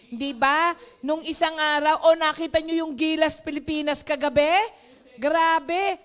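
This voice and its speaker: A Filipino woman preaching in a casual, chatty devotional talk, laughing often and mixing English phrases in. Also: high voice.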